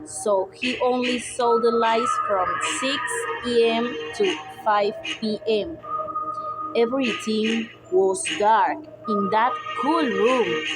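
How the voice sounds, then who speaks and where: A young woman whose first language is Spanish, slowly reading a dark story aloud with careful pauses, over loud background music. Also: fairly high pitch, poor audio. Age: young adult. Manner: slow, careful reading, with pauses between phrases. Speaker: student narrator. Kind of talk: read-aloud story narration.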